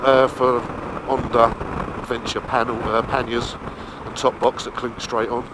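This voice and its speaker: Recorded on a mic in or on his helmet, a motorcyclist offers a relaxed, colloquial review, thinking out loud without hurry. His voice is medium-pitched and flatly delivered, muffled, with wind and engine sounds clearly present.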